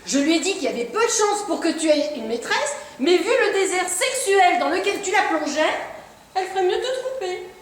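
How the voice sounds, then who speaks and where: Woman playing a scheming mistress, very high voice, lively swoops, blunt and teasing, echoey hall. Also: a little fast. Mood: smug. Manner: teasing, brash, matter-of-fact. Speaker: stage actor playing the mistress. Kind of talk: live stage comedy acting. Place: theatre stage in a hall. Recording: very echoey live hall recording.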